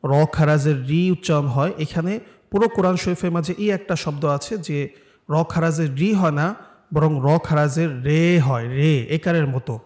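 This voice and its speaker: In a lesson with live student drills, a Bangladeshi Quran recitation teacher speaks unhurriedly, his fairly high voice a little mellow. With patience he corrects the students and has them say the lines back.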